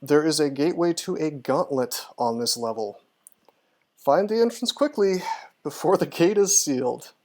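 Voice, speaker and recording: A man with a slightly high, darkish-toned voice gives expressive, casual commentary while streaming a game. He speaks at a normal speed, thinking aloud through his moves and responding to chat.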